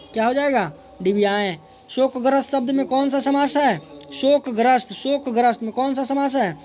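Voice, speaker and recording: A man's voice: extremely high pitch, slight background noise. A young man, a teacher, going through an exam answer key: he reads each question and repeats the answer for emphasis.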